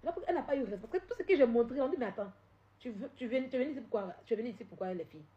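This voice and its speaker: A woman on a live stream, confrontational and repetitive, swinging from loud outbursts to low scolding. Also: lively intonation, rapid-fire, muffled recording. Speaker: social media live streamer. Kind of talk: heated live-stream rant.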